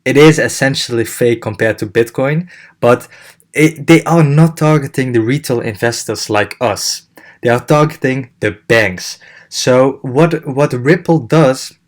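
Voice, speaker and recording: A man's voice: mid-range voice, measured pace. A young man hosting a crypto channel, explaining in a casual way with many fillers and restarts.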